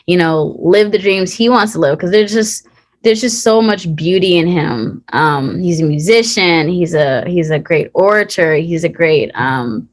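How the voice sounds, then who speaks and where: A young woman actor talking in a casual interview, earnest and heartfelt, with many fillers and restarts. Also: on the low side. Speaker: guest, actor.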